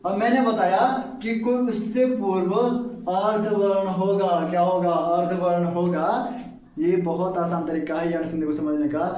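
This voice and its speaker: A high-voiced man teaches a grammar lesson from some distance off the mic, in a strongly echoing room. He keeps asking his class questions and answering them himself, calling the students friends. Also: little pitch movement, unhurried, a little mellow.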